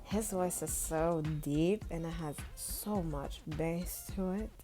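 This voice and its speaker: A woman's voice: fairly low pitch, slow, dark tone, soft background music. A woman vlogger chatting casually in a playful, profane, gushing way. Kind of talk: casual chat.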